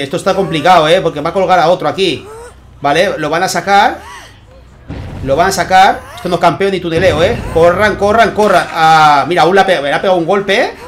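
A man with a Spain Spanish accent, hosting his channel and commentating a tournament match, excitable and constantly checking in with his viewers. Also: high-pitched, a little hiss or hum. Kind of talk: gameplay commentary.

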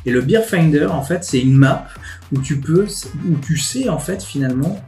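The man's fairly high voice is a little mellow, with lively intonation and a moderate pace. In a living room with a desk, this video host and animator gives a casual explanatory talk to camera, guitar music playing in the background.

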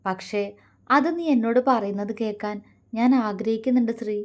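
A woman's voice: a little high, normal speed, lightly acted. A woman voicing a tender, protective young man who coaxes and comforts his lover. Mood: tender firm. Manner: soft, affectionate, coaxing.

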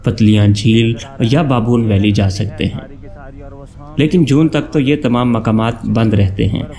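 A man from Pakistan, giving a steady, informative travel-guide voice-over that lists places one by one. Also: medium pitch, a little hiss or hum. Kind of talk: scripted travel narration.

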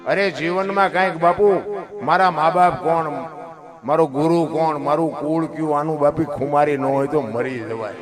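A middle-aged man with a Kathiawadi Gujarati accent telling folk stories and moral sayings in a folksy manner. He calls his listeners "bapu" and now and then bursts into high, loud exclamations. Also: fairly even intonation, moderate pace, music in the background. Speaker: folk storyteller. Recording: musical accompaniment playing behind the voice.

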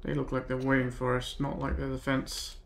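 A man giving casual let's play commentary, musing aloud as he goes, in a creaky voice. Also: medium pitch, monotone, a little fast. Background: faint game ambience.

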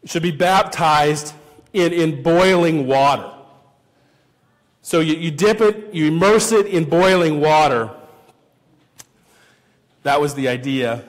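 A man's voice: a little high, slow pace, long pauses. A man pastor giving a teaching sermon, explaining patiently and often repeating words as he restarts. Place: church sanctuary. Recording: long church hall reverb.

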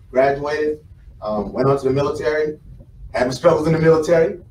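An American motivational speaker from South Carolina, his voice slightly high with a darkish tone, gives an informal talk to a live audience. He speaks conversationally, telling stories and repeating phrases for emphasis. The recording comes from a camera mic several meters away in an indoor conference room with a small stage, so it sounds roomy and distant with some background noise.

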